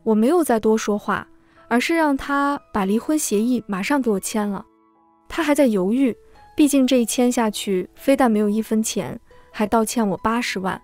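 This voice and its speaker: Woman reading a story in first person, highish voice, dry sound, faint music behind. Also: normal speed, a little mellow. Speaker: story narrator.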